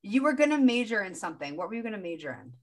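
Casting: woman, 40s, podcast host, encouraging spiritual coach, mid pitch, conversational. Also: sing-song, very fast. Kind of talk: casual spiritual coaching talk.

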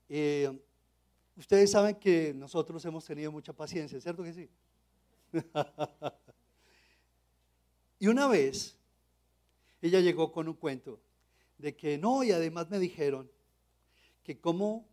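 A man's voice: fairly high pitch, a little mellow. A man, a pastor telling a personal testimony to his congregation, often asking them to agree. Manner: storytelling with rhetorical questions to the audience. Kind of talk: sermon testimony.

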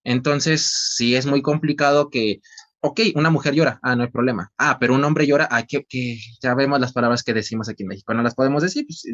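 A man's voice: medium pitch, fairly bright tone. A Mexican man hosting an interview, asking long questions with frequent restarts. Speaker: interview host. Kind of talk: casual podcast interview. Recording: slightly dull lo-fi sound.

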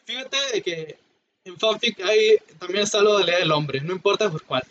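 A man's voice: high-pitched, normal speed, a bit bright, dull audio, slight background noise. A young man with a Mexican Spanish accent, chatting casually and cracking wry, slangy jokes. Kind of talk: casual chat.

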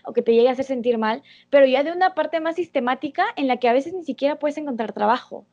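A young woman with a fairly high voice talks earnestly, explaining at length in a casual conversation. The recording is muffled and lo-fi. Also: quick pace, a little mellow. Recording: dull lo-fi sound.

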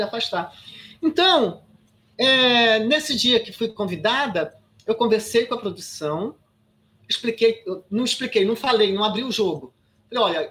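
An animated Brazilian woman in her sixties recounts her past in a relaxed interview. She talks emphatically, stumbles and restarts often, and tosses in quick "sabe?" checks. Her voice sits at an ordinary middle pitch. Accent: Brazilian Portuguese. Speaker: guest actress. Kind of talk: casual interview storytelling.

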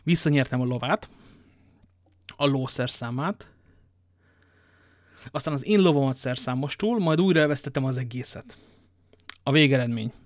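A man's voice: medium pitch, pauses often, no room sound, clean studio sound, close to an everyday voice. A man reading an audiobook and voicing Athos, a worldly, ironic musketeer, with a languid manner of telling his tale. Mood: wry.

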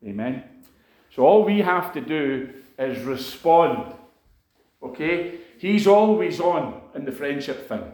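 A man's voice: on the high side, animated, slow pace, a little mellow. A man preaching to a congregation, telling a personal testimony in a conversational, emotional way, with frequent fillers and restarts. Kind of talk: sermon testimony. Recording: echoey room.

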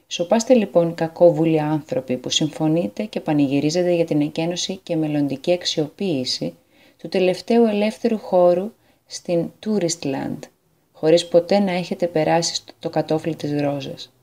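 A woman with a Greek accent reading a personal statement on a community radio news bulletin in an earnest, measured way. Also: deep voice, warm tone.

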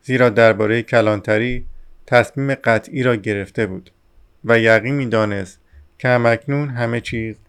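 A man reading a novel aloud as an audiobook narrator, steady and measured. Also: mid-range voice, smooth.

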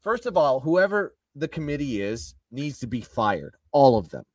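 A man's voice: medium pitch, big pitch swings, normal speed, no echo, far from the mic. A man co-hosting a podcast, giving opinionated, rambling takes in casual sports chat. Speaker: podcast co-host.

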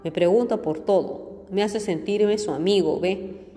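A woman's voice: medium pitch, measured pace, dark tone, natural voice. A woman voicing a plaintive young chauffeur. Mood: confiding. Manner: plaintive, confessional. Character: humble young male chauffeur confiding troubles. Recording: reverberant room with faint music.

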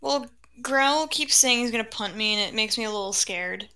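Short timid female adventurer, played by a woman, bright higher voice, plaintive. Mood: aggrieved. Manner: plaintive, slow complaints.

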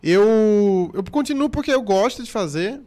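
A man's voice: sits high, lively intonation, a little slow, dark tone. A man, a comedian chatting casually on a podcast, rambling with many restarts and jokes.

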